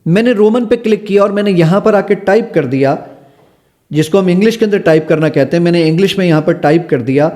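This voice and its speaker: A man's voice: on the high side, mellow. A man, the founder of an app, eagerly explaining and demonstrating its features step by step as a podcast guest. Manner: eager, stepping through features one by one.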